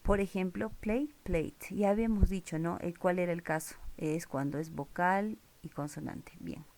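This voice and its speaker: A woman's voice: on the low side, normal speed, creaky, darkish tone. A woman teaching English grammar in a recorded lesson, explaining rules step by step and checking in with her viewers. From Peru.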